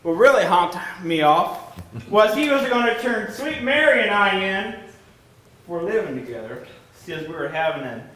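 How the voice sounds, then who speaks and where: A stage actor playing a self-righteous, pompous 1840s slaveholder who lectures the audience in a live play. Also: male voice, high-pitched, expressive, moderate pace, fairly bright tone. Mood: indignant. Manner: pompous, indignant, addresses the audience. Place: theatre stage. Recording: echoey stage recorded from far off.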